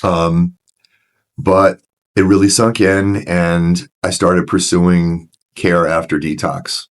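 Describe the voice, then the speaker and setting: A middle-aged man in recovery work, frankly telling his own story in conversation, restarting sentences often and getting animated as he relives moments. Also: deep voice, slow. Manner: earnest and frank, frequent restarts, grows animated when retelling scenes. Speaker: recovery director, podcast guest. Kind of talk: candid personal storytelling in conversation.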